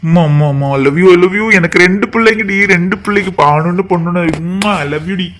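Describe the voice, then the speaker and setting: A man's voice: fairly high pitch, a little fast, slight background noise, natural voice. A man voicing a fretful, doting young cartoon husband at his wife's delivery. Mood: overjoyed. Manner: fretful and gushing. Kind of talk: cartoon voice acting.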